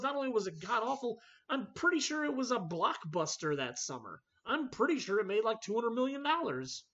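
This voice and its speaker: An animated man hosts a casual movie chat, ranting with energy. His pitch jumps around as he argues his points. The recording is a little dull and lo-fi. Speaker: podcast host. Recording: slightly dull lo-fi audio.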